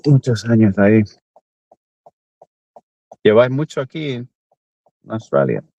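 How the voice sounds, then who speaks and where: A man's voice: on the low side, big pitch swings, takes it slowly, gravelly, dark tone, no echo, dull audio. A man with a Peninsular Spanish accent hosting a casual chat, asking his passenger many questions on a drive. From Spain. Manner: chatty, asks many questions. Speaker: host. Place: car on a drive.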